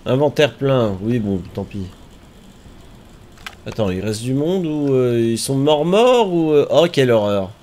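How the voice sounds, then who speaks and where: A man streaming a game, reacting out loud with yelps and groans and talking to the enemies on screen. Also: medium pitch, very animated, unhurried. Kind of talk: live gameplay commentary.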